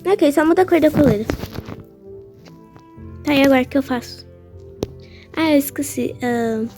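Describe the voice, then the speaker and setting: A woman's voice: sits high, moderate pace, a little mellow, faint music behind. A woman giving casual gameplay commentary, chatty and playful, talking back to the game characters. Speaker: gaming channel host.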